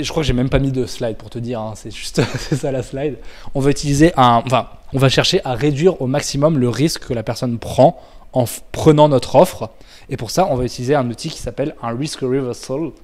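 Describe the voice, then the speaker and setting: Male trainer, conversational explainer; loose delivery, frequent self-corrections, average pitch. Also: a little mellow. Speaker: business trainer. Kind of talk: casual explanatory lesson.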